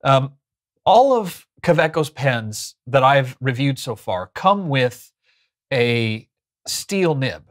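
Speaking slowly with big swings in his medium-pitched voice, the thirtysomething host of a pen review show chats his way through a casual product review to camera. He explains as he goes. The audio comes from a lapel mic in a small, furnished indoor room.

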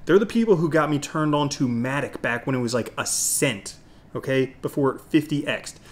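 A man's voice: medium pitch, moderate pace. A middle-aged man hosting an opinionated crypto video, talking like an informal, salesy crypto bro to the camera. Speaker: crypto YouTube host.

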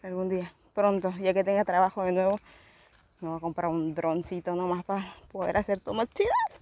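A woman's voice: lowish voice, lively intonation, brisk, darkish tone. A young woman with a Mexican accent, chatting casually and exclaiming as she vlogs outdoors in rural cornfields. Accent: Mexican Spanish. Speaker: vlogger. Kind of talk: casual vlog narration.

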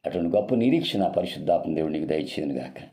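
Telugu-accented male pastor, low dark tone, earnest pleading sermon delivery. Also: expressive, fast talker. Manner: earnest, pleading, repeats rhetorical questions. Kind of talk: devotional sermon.

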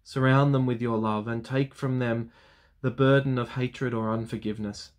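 Seated at his desk in a small study lined with bookshelves, an Anglican clergyman in his thirties talks earnestly to his vlog viewers and then leads a spoken prayer in a solemn, measured cadence. His voice is of ordinary male pitch with a steady tone, picked up by a webcam at the desk.

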